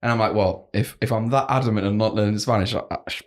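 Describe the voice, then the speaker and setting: A young man trades loose, profane banter on a home podcast and laughs often. His voice sits fairly low. He talks in a relaxed, rambling way. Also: fast. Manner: laughs a lot, swears casually. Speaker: podcast co-host. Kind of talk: casual banter.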